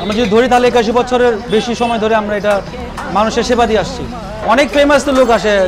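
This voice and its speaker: A man talking through a face mask, speaking hesitantly with many pauses and filler sounds. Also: very high-pitched, fairly even intonation. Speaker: grandson of a restaurant founder. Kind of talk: casual interview talk. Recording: loud crowd and music behind.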